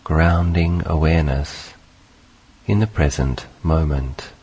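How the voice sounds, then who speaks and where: A meditation teacher with a husky bass voice guides a meditation, speaking calmly in short, unhurried phrases separated by long pauses.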